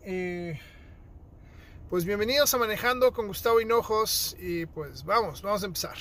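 This podcast host's high, fairly bright voice moves at a normal speed as he strolls in the snow, its crunch audible in the outdoor recording. The interview chat is casual, with lots of fillers and restarts.

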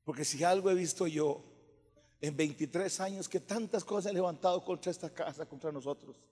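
A high-pitched man preaching to his congregation, his voice ringing out through a church hall with a long, lingering reverb. He swings from loud, urgent declarations down to soft, hushed asides. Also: fairly quick. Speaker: pastor. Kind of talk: sermon. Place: church auditorium.

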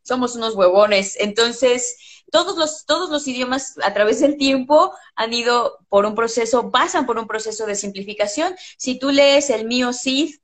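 A woman's voice: on the high side, lively intonation, moderate pace. A woman explaining language in casual conversation, emphatic and blunt, dropping slang and swear words.

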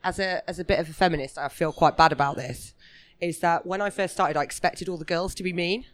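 A woman's voice: lowish voice, fairly quick, no echo. Brummie woman with a cold, chatting. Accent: Birmingham (Brummie). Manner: chatty, self-deprecating. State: has a cold. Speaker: food blogger, interview guest. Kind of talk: casual chat.

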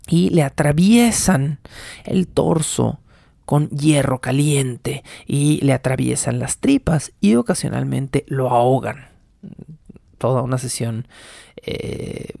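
Wry, gravelly lecturer. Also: medium pitch, dark tone, no room sound. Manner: wry, digressive, explains asides. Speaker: lecturer retelling a medieval text. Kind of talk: casual lecture retelling.

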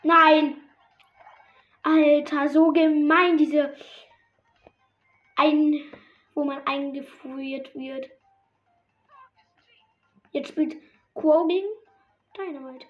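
A high-pitched woman narrates her game as she plays, exclaiming and groaning at every turn. Her voice comes through a slightly dull, lo-fi mic. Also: drawn-out words, pauses often, faint music behind. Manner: excitable, reacts loudly to the game. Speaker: gamer. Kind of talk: gameplay commentary.

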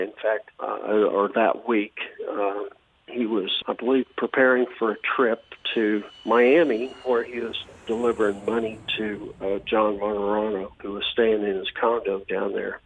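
Husky man recalling a case. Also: mid-range voice. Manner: halting, with many fillers and restarts. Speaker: retired police detective. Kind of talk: interview recollection. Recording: phone-like interview recording.

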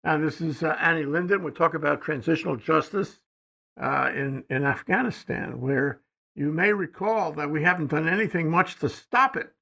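A man hosting a talk show, interviewing a guest over a remote call in a halting, rambling way full of fillers. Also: on the high side, vocal fry, pushed and bright, rough recording. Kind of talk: casual interview. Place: studio in Hawaii.

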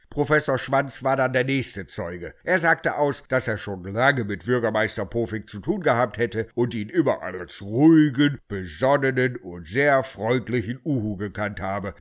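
A man narrating a comic audio story in a dry, deadpan way. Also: fairly low pitch.

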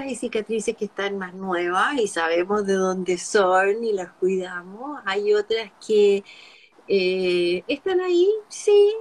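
A woman's voice: medium pitch, darkish tone. Empathetic woman interviewer. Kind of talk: interview conversation.

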